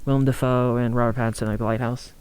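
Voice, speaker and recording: A young man with a smooth, resonant voice joins a college radio talk show as a guest, tossing in dry, sarcastic one-liners. He speaks into a studio microphone at an easygoing middle pitch. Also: little pitch movement, fast, a little mellow. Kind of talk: casual chat. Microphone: studio mic.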